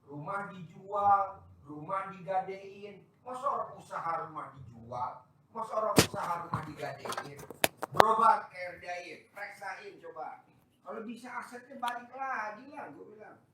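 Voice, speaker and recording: A man, hosting and chatting loudly and teasingly with visitors. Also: sits high, animated, moderate pace, heavy background noise. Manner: joking, boisterous, loud and teasing. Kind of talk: casual chat with visitors. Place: large echoey space, maybe a sheep barn. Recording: very echoey, distant mic.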